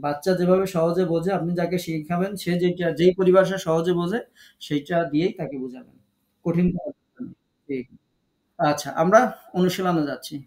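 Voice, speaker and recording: A man's voice: high-pitched, steady tone, fairly quick, a little mellow. A man teaching Quran recitation in an online class, calling on students and patiently repeating syllables for them.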